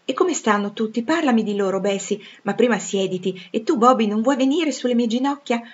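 A woman's voice: on the high side, expressive, brisk, pitched above the performer's own voice, natural voice. A woman voicing an earnest, curious young governess who asks eager questions, in a dull lo-fi recording.

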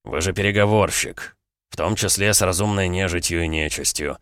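A man's voice: low-pitched, no room sound, clean studio sound. A man playing a cold, stubborn count. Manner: flat, cold, unhurried. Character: selfish stubborn nobleman, man, middle-aged. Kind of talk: audiobook character voice.

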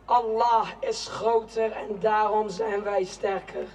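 A young woman giving a protest speech in a slow, declamatory spoken-word style, with shouted chants between lines. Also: medium pitch, steady tone, noisy background. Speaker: rally speaker. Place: outdoor city square at a demonstration. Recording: distant outdoor rally recording.

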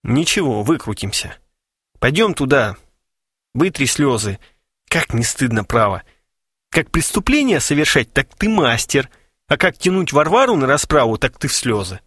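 A man's voice: mid-range voice, big pitch swings, moderate pace, a bit bright, husky, no room sound, clean studio sound. A man doing a sly, mocking schemer. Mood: scolding. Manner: teasing, sarcastic. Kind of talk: audiobook character voice.

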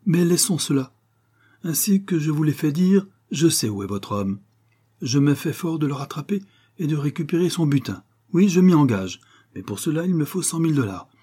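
A man voicing a cool, ironic English lord who bargains with unhurried self-assurance in a storybook reading. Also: on the high side, lively intonation, dark tone, slightly rough, pitched above the performer's own voice. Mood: assured.

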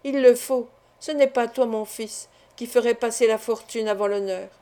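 A woman's voice: on the high side, fairly even intonation, normal speed, mellow, clear, resonant tone, close to an everyday voice. A woman reading the lines of an anguished, honourable middle-aged father in an audiobook, grave and resolute. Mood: gentle resolve.

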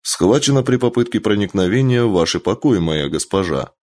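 Man doing a low, dutiful samurai guard. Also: lively intonation, a little fast, a little mellow. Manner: formal, deferential report.

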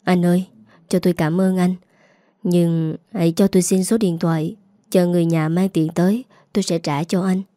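Woman reading an anxious elder brother, hurried and practical, dry close sound. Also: fairly low pitch, level tone, warm tone, no echo, lightly acted. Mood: pleading. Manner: urgent, hurried.

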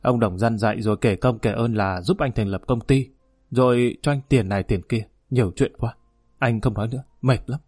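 A man's voice: medium pitch, a little mellow, no room sound, clean studio sound, close to an everyday voice. A man reading as a sulky defiant son. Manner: defiant, rapid, whining. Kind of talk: audiobook narration.

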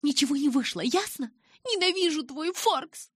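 A woman narrator voicing a distraught teenage girl who shouts at her father in a high, strained voice. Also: animated, moderate pace, dry recording, clean studio sound. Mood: furious.

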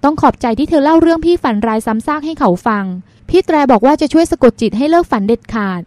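A woman voicing a calm older sister, a doctor, who questions and lectures in a dry, probing way. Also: sits high, quick pace, no room sound, pitched above the performer's own voice. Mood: wry.

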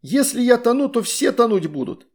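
A man's voice: big pitch swings, normal speed, a little mellow, exaggerated voice. A man voicing a whiny, petty young girl who squeals and shrieks in a storybook reading. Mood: shrill whining. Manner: squealing, shrill.

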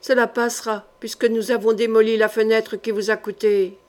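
A woman voicing a fearless male knight who speaks quietly and dryly, with unhurried calm. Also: on the high side, lightly acted. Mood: coolly calm.

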